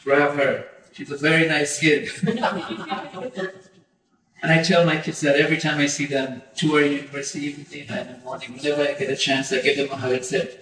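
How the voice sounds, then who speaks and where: A man's voice: on the high side, little pitch movement, fairly quick, a bit bright. Middle-aged male pandit addressing a congregation, earnest and direct, from a distant mic in a very reverberant hall. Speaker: pandit giving a lecture. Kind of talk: devotional talk to a congregation. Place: community temple hall. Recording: very echoey hall, voice from far off.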